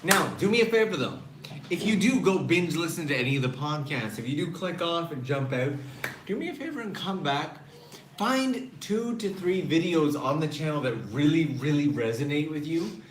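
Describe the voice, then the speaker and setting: A man's voice: fairly high pitch, animated, moderate pace. Earnest chatty man streaming from a restaurant. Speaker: channel host. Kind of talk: casual live-stream chat. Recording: echoey room, faint background noise.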